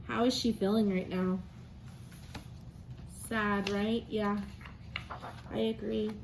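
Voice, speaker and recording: There's background noise as a woman with a creaky, mid-range voice reads aloud to young children as their teacher. Her reading is sing-song and expressive, with pauses to get the kids to answer.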